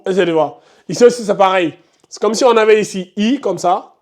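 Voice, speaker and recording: A man teaches a recitation class in a high voice for a man. He keeps pressing his point and goes over each step again and again. He scolds the students who lose track. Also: brisk, darkish tone. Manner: insistent, repeats explanations step by step, scolds students. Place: classroom with a board.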